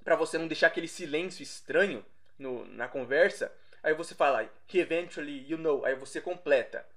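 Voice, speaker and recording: A young Brazilian man teaching a casual English lesson, explaining slowly, repeating himself and correcting his own slips. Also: on the high side, fairly bright tone. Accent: Brazilian Portuguese.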